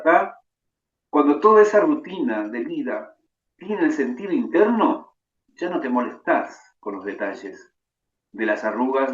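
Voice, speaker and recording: A man with a Rioplatense accent, a rabbi giving a sermon-style lecture and telling stories while he keeps adding "¿no?". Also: medium pitch. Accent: Rioplatense Spanish. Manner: keeps adding "¿no?" tags, storytelling. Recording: echoey, dull, distant.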